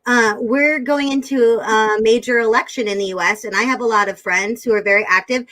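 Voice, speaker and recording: A woman's voice: a little high, steady tone, fairly quick, fairly bright tone, low-quality recording. A woman sales coach speaking as a guest in an interview, emphatic and stacking words for effect. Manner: emphatic, builds lists of words. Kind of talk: animated interview talk.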